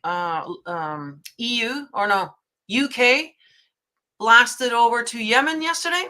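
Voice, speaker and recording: Chatty Norwegian-raised woman, bright voice. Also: a little high, animated, takes it slowly. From Norway. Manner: chatty, lots of "like" and "you know". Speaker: guest. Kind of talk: casual podcast chat.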